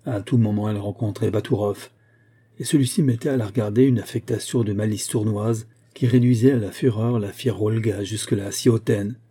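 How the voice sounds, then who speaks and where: A man narrating an audiobook in a measured, deliberate way. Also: lowish voice, steady tone, dark tone, slightly rough.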